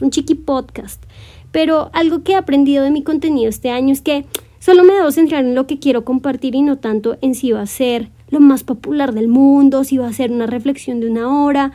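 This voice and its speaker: A fairly quick, high-sitting voice belongs to a woman in her twenties hosting a podcast alone. She offers a reflective monologue, addressing the listener with gentle encouragement.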